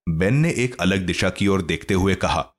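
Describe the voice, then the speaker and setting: A man narrating a children's story in an expressive, scripted reading. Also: sits low, moderate pace, soft background music.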